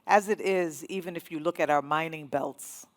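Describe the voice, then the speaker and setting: A woman's voice: low voice, normal speed. A woman from Zambia speaking on a panel, earnest and sometimes searching for words. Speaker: diplomat on a panel. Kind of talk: panel discussion.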